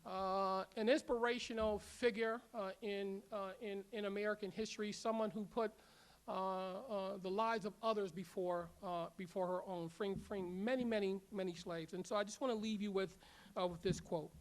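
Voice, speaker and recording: A school leader giving an emphatic graduation address in a large ceremony room, with repeated rallying phrases and halting filler words. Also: medium pitch, steady tone. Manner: emphatic, repetitive rallying phrases, leads call-and-response; halting with frequent "uh" fillers when speaking off-script. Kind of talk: commencement speech.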